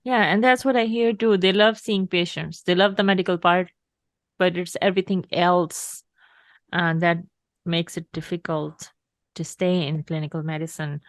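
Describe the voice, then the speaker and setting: A woman's voice: lowish voice, fairly even intonation, moderate pace, dry recording. A woman hosting a podcast as a career coach, asking questions in an upbeat, encouraging way. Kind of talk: conversational interview.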